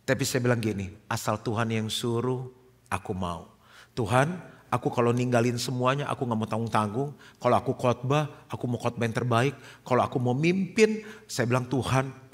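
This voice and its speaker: Animated male pastor in a reverberant hall. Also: mid-range voice. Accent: Indonesian. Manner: animated storytelling, acting out dialogue, dropping to soft emphasis. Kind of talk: sermon.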